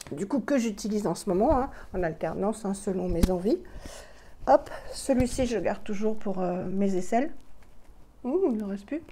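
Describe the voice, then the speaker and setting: A middle-aged woman with a warm, mellow voice talks through skincare products for her vlog. She is slightly out of breath and speaks in a chatty, unhurried way, full of little fillers and restarts. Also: mid-range voice. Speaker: beauty vlogger. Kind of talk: casual product review. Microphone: plugged-in microphone.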